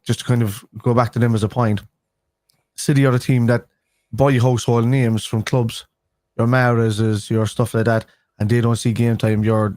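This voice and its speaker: Speaking a day after a tooth extraction, a man with a Liverpool accent co-hosts a football fan live stream in a medium-pitched, a little mellow voice with no echo. His talk is casual and rambling, full of restarts.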